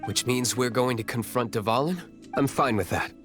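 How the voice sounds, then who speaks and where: A man's voice: mid-range voice, moderate pace, fairly bright tone, faint music behind, close to an everyday voice. A man voicing a stern, cool young nobleman vigilante in a video game, speaking formally and dryly. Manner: serious, formal, dry.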